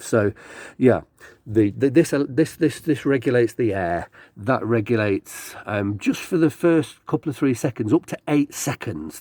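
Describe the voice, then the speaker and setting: A man filming his own car repair on a cold morning, halting and stuttery from shivering, thinking aloud with many restarts. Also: on the low side, a little mellow, dry recording. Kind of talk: rambling hands-on car repair vlog.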